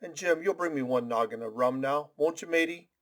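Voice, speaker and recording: A man voicing a sick, desperate old sea captain who pleads and curses in rough sailor talk. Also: a little high, a little fast, pitched above the performer's own voice, close to an everyday voice. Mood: pleading.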